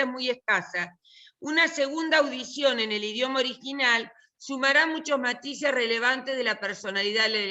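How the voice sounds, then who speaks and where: A woman's voice: a little high, sharp tone. An older woman with an Argentine accent, teaching a literature and film class in a chatty, joking, colloquial way over a video call. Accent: Argentine Spanish. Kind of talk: casual online class talk.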